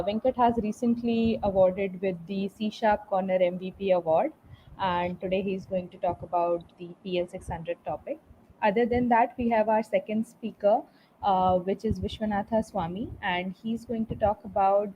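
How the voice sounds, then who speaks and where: An Indian-accented woman hosts a meetup on a video call, introducing speakers in a mid-range voice. The sound is a little dull, with faint noise behind her. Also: medium pitch. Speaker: meetup host.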